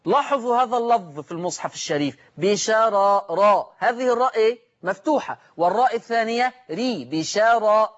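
A man's voice: extremely high pitch, animated, quick pace, few pauses, dull audio. A man teaching a Quran recitation lesson, asking the class questions and answering them himself. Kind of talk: tajweed lesson.

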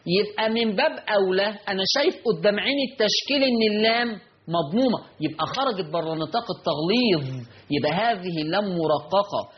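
A man's voice: sits high, expressive, fast, lo-fi sound, a little hiss or hum. A man with an Egyptian accent teaching Quran recitation on a live call-in lesson, posing questions to his students and answering them himself. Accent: Egyptian Arabic.

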